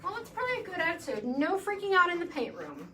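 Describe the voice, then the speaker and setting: A woman's voice: very high voice, wildly swooping pitch, fast, pushed and bright. Chatty woman hosting a painting demo. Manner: chatty, reads viewer comments aloud. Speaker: furniture painting host. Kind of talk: casual live demo chat. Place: paint room. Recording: distant mic with background noise.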